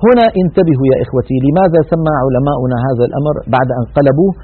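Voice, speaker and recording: Husky-voiced man teaching Quran recitation. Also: a little high. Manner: measured, explanatory, demonstrates recitation. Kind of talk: broadcast tajweed lesson. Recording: tinny band-limited broadcast audio.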